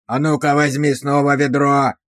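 A man voicing a brutal, abusive male drill sergeant who barks insults with slow, hammering emphasis. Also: medium pitch, little pitch movement, fairly bright tone, no room sound, studio quality, lightly acted. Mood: bellowing.

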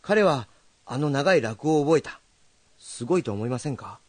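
A man voicing a young, meddling but kind rakugo storyteller in a drama, direct and animated. His voice is slightly high with a very lively pitch, recorded dry and close. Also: normal speed, no room sound. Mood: calm.

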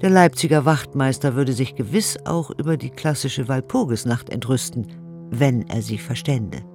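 Old letters and reviews are read in a formal, articulate, declamatory manner by a man with a creaky, mid-range voice at a moderate pace. The piece is a studio radio play production with music.

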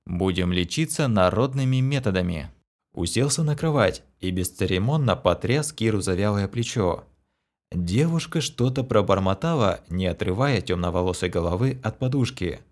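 A man narrating an audiobook in a steady, even reading voice. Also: on the low side, normal speed.

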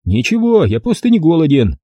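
A man's voice: a little high, wildly swooping pitch, a little fast, mellow, no echo, clean studio sound, pitched above the performer's own voice. A man voicing a meek but irritable grown son answering his mother in an audiobook. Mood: sullen. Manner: sullen, dutiful. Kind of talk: audiobook character voice.

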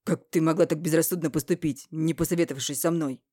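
A woman voicing a scheming, mocking young man in an audiobook, speaking loudly and evasively. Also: low voice, steady tone, moderate pace, dry recording, studio quality. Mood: accusing. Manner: loud, evasive, sneering. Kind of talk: audiobook character reading.

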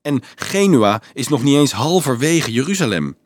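A man's voice: mid-range voice, very animated, normal speed, no room sound, clean studio sound, voice pushed up. A man reading an earnest teenage boy who hesitantly, then urgently explains things to a crowd of children, in an audiobook.

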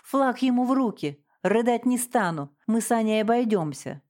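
A woman reading a story, voicing a frightened younger woman who answers defensively and breaks into shrill shouting. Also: lively intonation, moderate pace, lightly acted. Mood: shrill, angry. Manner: trembling then shrieking.

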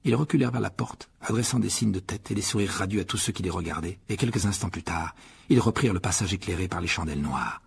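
Male audiobook narrator, low, raspy, lively delivery. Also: quick pace. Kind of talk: scripted narration.

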